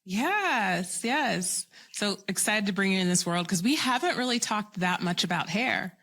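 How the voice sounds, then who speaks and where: Bright-voiced, enthusiastic female podcast host. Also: mid-range voice, lively intonation, a little slow. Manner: enthusiastic and encouraging. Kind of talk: casual interview chat.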